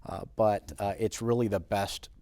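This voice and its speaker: Low gravelly man from Puerto Rico. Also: steady tone, dark tone. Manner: measured, with frequent uh fillers. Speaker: guest, credit union president. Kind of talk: TV interview. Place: TV studio.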